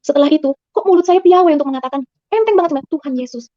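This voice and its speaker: A woman tells her personal testimony in a rush of earnest words, her voice mellow and warm. Her pitch climbs high and excited at times. The recording is dry and a little dull. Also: dry recording. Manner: fast, earnest storytelling that rises high and excited. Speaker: guest giving a personal testimony. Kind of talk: emotional spoken testimony.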